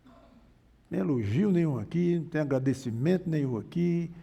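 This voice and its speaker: A man's voice: a little high, lively intonation, a little fast, gravelly, warm tone, husky, long reverb tail, muffled recording. A man preaching a sermon with a Brazilian Portuguese accent, emphatic, often shifting his volume and pace. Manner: emphatic, varies volume and pace, mimics mocking voices.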